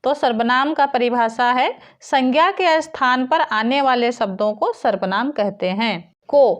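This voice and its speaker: A woman teacher reading out textbook answers, dictating each answer slowly and deliberately. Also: high-pitched.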